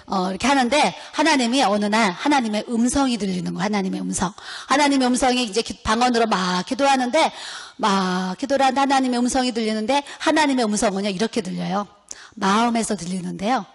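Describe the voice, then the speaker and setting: A middle-aged woman, a pastor's wife, giving a testimony sermon at a seminar, telling her story vividly and acting out the prayers and dialogue she quotes. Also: on the high side. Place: retreat center hall. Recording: long hall reverb.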